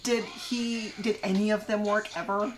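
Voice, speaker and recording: A woman's voice: mid-range voice, normal speed. A woman co-hosting a reaction video with casual, giggly, bawdy commentary over a film soundtrack. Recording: loud film soundtrack behind. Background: animated film soundtrack playing.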